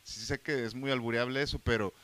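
Mexican man, casual storyteller, bright forceful tone, slangy, acts out quotes, male. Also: medium pitch, steady tone, a little fast. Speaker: actor telling a story.

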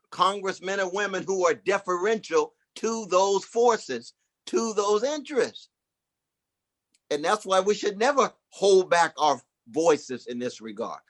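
A man's voice: high voice, a bit bright. A man giving impassioned political commentary in a preacher-like way, calling others "Brother" and "Sister". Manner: rhetorical, uses religious address like "Brother" and "Sister".

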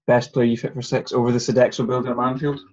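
A man's voice: mid-range voice, little pitch movement, fast, darkish tone. Man hosting a podcast, muffled. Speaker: podcast host. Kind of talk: casual podcast chat. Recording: dull, muffled sound.

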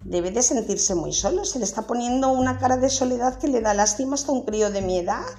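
A woman's voice: on the high side, quick pace, mellow, soft background music, voice pushed up, natural voice. Woman doing a cheeky little boy.

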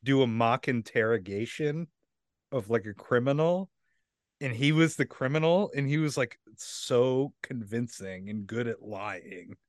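A young man co-hosting a podcast, relaxed and agreeable, adding dry jokes to shared school memories. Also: medium pitch, a little slow, dry recording. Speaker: podcast co-host. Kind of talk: casual chat.

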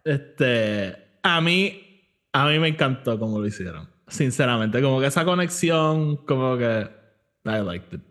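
A man chats casually about movies as a podcast host. He mixes Spanish and English within the same sentence, and his intonation is very animated, moving widely up and down. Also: medium pitch, measured pace. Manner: Spanglish, switches between Spanish and English mid-sentence. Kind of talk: casual movie review chat.

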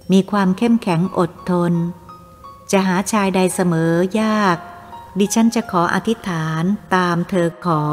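A woman narrates a first-person audiobook story, her delivery slow, tender and full of feeling. Her voice sits in a long, echoing reverb. Faint music plays underneath. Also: mid-range voice, darkish tone.

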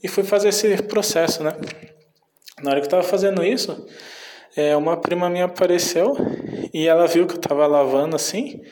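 A man's voice: high voice, fairly quick, a little mellow, slight background noise. A man with a Brazilian Portuguese accent telling a story casually in a meandering, hesitant way.

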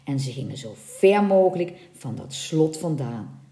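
A woman reading a folk tale aloud as a podcast host, with lively, playful storytelling and small slips. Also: low voice, unhurried, echoey room.

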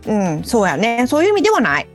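Kansai-accented woman over soft music. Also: on the high side, huge pitch swings, fast talker. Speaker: co-host and illustrator. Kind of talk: casual chat.

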